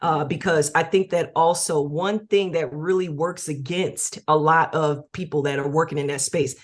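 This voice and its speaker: Chatty woman music executive. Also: lowish voice. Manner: chatty, many fillers, laughs easily. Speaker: music executive producer, guest. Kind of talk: casual interview talk.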